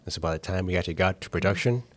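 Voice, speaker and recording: A man, a film director, talking casually and excitedly on a podcast with many restarts. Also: low voice, very fast. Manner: enthusiastic, rambling with restarts.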